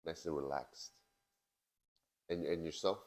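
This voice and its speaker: A young man co-hosting a casual podcast, relaxed and teasing, laughing easily. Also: a bass voice, unhurried. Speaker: podcast co-host. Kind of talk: casual chat.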